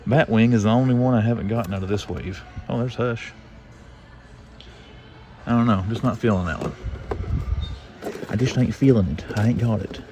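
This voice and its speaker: On the low side and darkish in tone, this middle-aged man speaks at a moderate pace with long pauses, faint music behind him. He's a toy collector with a Southern drawl, rambling to himself while browsing store shelves for a casual vlog.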